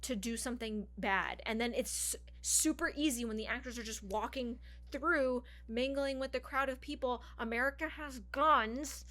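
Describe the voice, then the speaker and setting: A woman co-hosting a podcast in casual chat, animated, laughing often and repeating herself. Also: on the high side, normal speed, few pauses. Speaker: podcast co-host.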